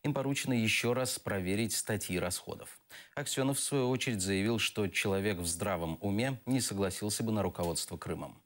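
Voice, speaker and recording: A man reads television news narration in a formal, steady voice. His pitch sits a little low, and the delivery stays even and composed throughout. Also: fairly quick. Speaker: news reporter.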